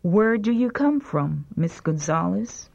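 This woman's medium-pitched voice is creaky and darkish yet animated as she works through a slow phrasebook drill for a language course. She enunciates carefully, and the recording comes from a dull, lo-fi tape.

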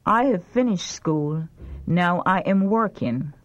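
A woman with a fairly low voice reads slowly from a phrasebook for a language course, carefully enunciating each line of the scripted drill. The tape recording sounds dull and lo-fi.

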